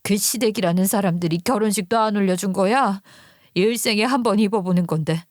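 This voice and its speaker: A woman voicing a tearful, remorseful older mother who speaks slowly in a story reading. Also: mid-range voice, darkish tone, no echo, studio quality, close to an everyday voice. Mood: emotional.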